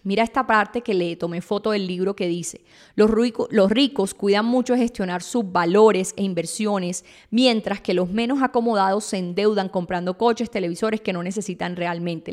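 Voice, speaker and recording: Chatty woman podcaster. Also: mid-range voice. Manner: animated, confessional, talks directly to listener. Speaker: podcast host. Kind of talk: casual monologue.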